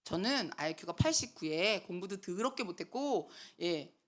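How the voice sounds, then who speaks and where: A woman's voice: fairly low pitch, normal speed. A middle-aged woman preaching a sermon in a church, talking back and forth with the congregation and acting out quotes. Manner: animated, talks with the congregation and acts out quotes. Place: church hall.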